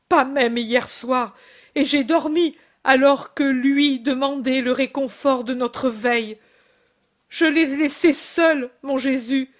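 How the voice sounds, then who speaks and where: Sobbing young man, read by a woman, pleading, remorseful, higher voice, unhurried. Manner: pleading, broken by sobs.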